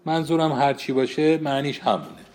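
A man's voice: medium pitch, darkish tone, natural voice. A man reading aloud and voicing a touchy young woman who retorts indignantly.

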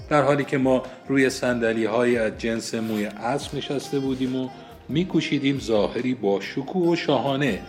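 A male host reading a novel aloud in a measured, expressive way. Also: mid-range voice. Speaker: host and reader. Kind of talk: book reading.

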